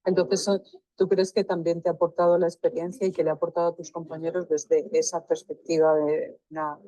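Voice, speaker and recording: A woman interviewing a student, asking long, carefully rephrased questions in a measured way. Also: fairly low pitch, little pitch movement, warm tone, no echo, poor audio. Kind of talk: research interview.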